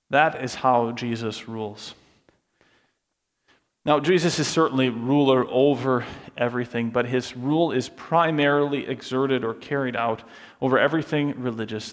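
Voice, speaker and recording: A man preaching a sermon in an earnest tone, asking rhetorical questions and acting out the voices he quotes. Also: mid-range voice. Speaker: pastor. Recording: preached in a hall with long reverb.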